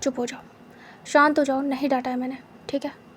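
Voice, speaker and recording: A woman voicing a reserved young husband who is stern yet caring, speaking in a hushed voice. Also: high voice, little pitch movement, normal speed, a little hiss or hum, close to an everyday voice. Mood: soothing.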